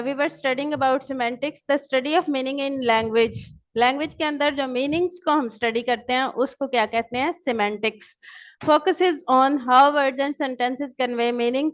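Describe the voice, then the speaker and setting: A woman lecturer giving an online class, who asks her students questions and answers them herself. She reads English definitions out slowly and explains them in Urdu. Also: high voice. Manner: switches between English and Urdu. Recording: dull lo-fi recording.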